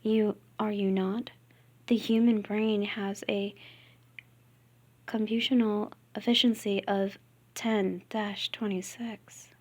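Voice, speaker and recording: A woman voicing a cold, calm and condescending male ship computer in a novel reading. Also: medium pitch. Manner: quiet, measured, condescending.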